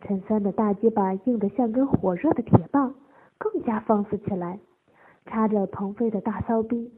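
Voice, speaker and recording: A woman narrating an adult audio story in a steady reading voice. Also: mid-range voice, moderate pace, slightly rough. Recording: tinny phone-like lo-fi audio.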